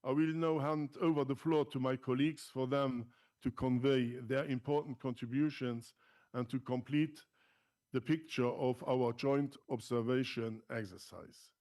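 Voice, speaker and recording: A man speaking as an election observation mission official, delivering a formal prepared press conference statement in a deliberate, read-out manner. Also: medium pitch, steady tone, a little mellow.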